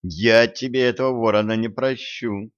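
A man's voice: mid-range voice, steady tone, normal speed, clear, resonant tone, natural voice. A man voicing a pompous, hot-headed young royal gossip in a storybook, with haughty talk over dull lo-fi audio.

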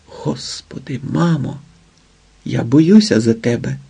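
A man's voice: medium pitch, moderate pace, gravelly, warm tone, husky. A man voicing an anxious grown daughter who murmurs nervously, in a storybook reading.

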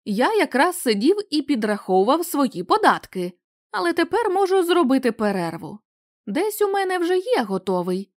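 A woman's voice: sits high, very animated, moderate pace, dry recording, clean studio sound, pitched above the performer's own voice. A woman reading the part of a kindly, weary old shopkeeper who speaks mildly with a sigh. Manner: sighing, mild.

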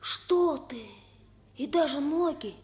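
An actress playing a curious, naive schoolchild in a children's drama, with a wide-eyed questioning manner. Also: female voice, sits high, lively intonation, slow, darkish tone. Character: curious, naive schoolchild visiting a sick classmate. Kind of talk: children's radio drama acting.

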